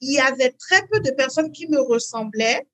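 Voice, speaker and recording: A woman, talking as an interview guest in a hesitant way, with many fillers and repeats, then bursts of lively emphasis. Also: sits high, moderate pace. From Benin. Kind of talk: conversational interview.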